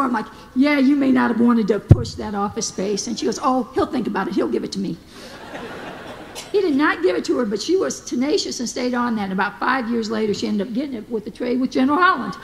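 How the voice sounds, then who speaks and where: A woman speaks at a memorial, telling humorous stories about her late boss and acting out the dialogue. Her voice sits slightly high and carries a gravelly edge. The sound rings with the long reverb of a large hall, with a faint rumble underneath. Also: fairly quick, a bit bright. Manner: humorous storytelling, quoting others. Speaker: memorial speaker, former staffer. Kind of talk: anecdotal eulogy speech.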